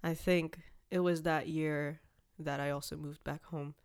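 Low-voiced young woman, candid chat. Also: unhurried, smooth. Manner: candid, expressive, laughs often. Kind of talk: casual chat.

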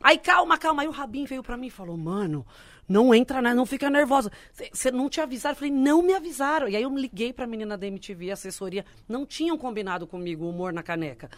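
Talking casually at a quick pace, a young adult comedian shares a story and animatedly acts out the people she quotes. She has a fairly high voice, and the recording has no room sound.

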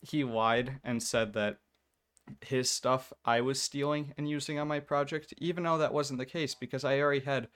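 A young man chats casually on a podcast, telling a long story from his school days. He talks at an ordinary middle pitch and slips into the voices of the people in it. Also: steady tone, moderate pace, fairly bright tone. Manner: storytelling, mimics others in quotes. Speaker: podcast co-host. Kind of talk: casual chat.

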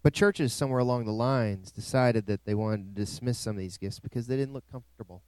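Male pastor, middle-pitched voice, dry close sound, emphatic preaching. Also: a little fast, darkish tone, clear, resonant tone, no echo. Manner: preaching with rising, emphatic swells. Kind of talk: sermon.

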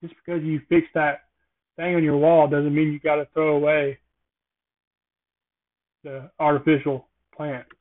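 A man talks alone on his podcast, drifting from one jokey observation to the next. He speaks slowly in a somewhat high voice. The sound is thin and tinny, like a phone line. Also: little pitch movement. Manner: rambling, jokey observational musings. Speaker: podcast host. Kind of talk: casual solo podcast monologue.

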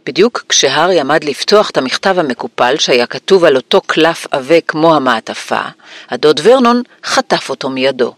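A man's voice: a little high, lively intonation, fairly bright tone, no echo. Man narrating an audiobook, dry and close.

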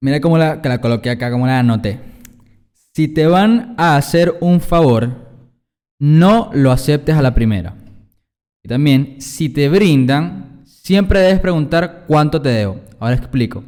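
A man, co-hosting a casual podcast, explaining his points slowly with acted-out examples. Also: on the high side, lively intonation, darkish tone. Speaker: podcast co-host. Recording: hall reverb.

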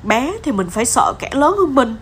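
A woman voicing a timid, sly little cockroach who talks quickly and furtively, in a storybook reading. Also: on the high side, sing-song, a bit bright, a little hiss or hum, pitched above the performer's own voice.

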